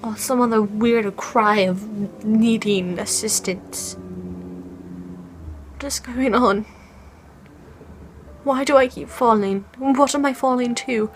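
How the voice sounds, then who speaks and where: Young woman plays a scared vlogger haunted by falling dreams, whispery and halting, highish voice, camera mic at home. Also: steady tone, faint music behind, poor audio. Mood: frightened. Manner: hushed, halting, often whispering. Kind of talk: in-character fan fiction vlog.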